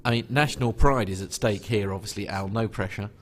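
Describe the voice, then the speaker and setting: A man's voice: on the low side, brisk, fairly bright tone, slight background noise. A man hosting a live podcast, speaking politely as he wraps up the show. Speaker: podcast host.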